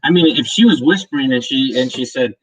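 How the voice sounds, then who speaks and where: A man's voice: mid-range voice, expressive, a little fast, breathy edge, rough recording. A man hosting a casual livestream, talking in a chatty, rambling way with many restarts. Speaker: livestream host. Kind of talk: casual chat.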